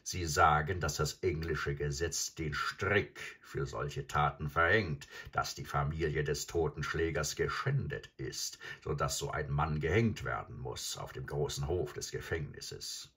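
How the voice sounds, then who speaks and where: A man reads as a huge old crocodile from a storybook with a voice that sits very low and sounds husky and grainy. He is boastful and sly and savors every word. His telling moves slowly but rises and falls a lot. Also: bright, forceful tone, exaggerated voice.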